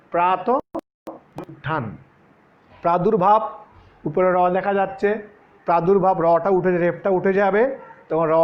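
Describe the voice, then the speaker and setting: A male teacher giving a classroom grammar lesson, speaking slowly and repeating terms to stress what comes up in exams. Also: high voice, muffled recording. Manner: slow, repeating terms and stressing exam points. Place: classroom, moving about the board.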